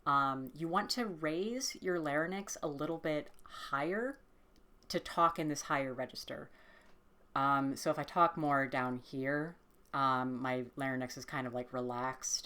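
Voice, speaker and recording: A woman casually explaining voice training exercises, relaxed and hesitant with many fillers. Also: low voice, a little slow. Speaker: voice training tutor. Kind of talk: casual instructional vlog.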